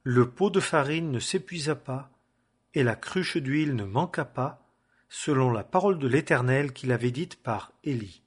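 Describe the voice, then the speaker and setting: A man reading scripture aloud in a measured, solemn way. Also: mid-range voice, animated, breathy edge. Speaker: scripture reader.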